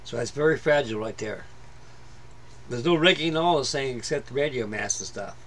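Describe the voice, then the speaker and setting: Animated and fairly quick, a middle-aged man with a medium-pitched voice rambles through commentary on his model build. He's plain-spoken and casual, stumbling through fillers and restarts at a home hobby-room workbench, with slight noise in the background.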